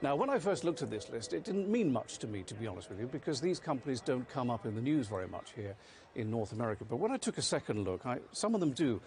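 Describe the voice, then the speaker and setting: A man's voice: mid-range voice, big pitch swings, quick pace, darkish tone. A man reporting live as a news correspondent, explaining in a conversational way.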